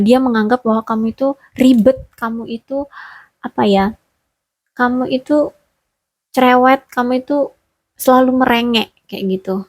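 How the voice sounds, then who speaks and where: A woman's voice: on the high side, darkish tone, no echo. A woman giving a relationship reading straight to the listener, rambling with many fillers and self-corrections. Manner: speaks directly to the listener.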